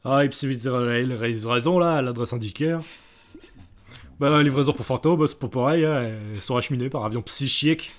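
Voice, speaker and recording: A man's voice: medium pitch, fairly quick, natural voice. A man voicing a chatty, good-natured ghostly male bear postman with a put-on mix of Belgian and northern French accents, rambling like a folksy storyteller. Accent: mixed Belgian and northern French put-on. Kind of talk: improvised game character voice.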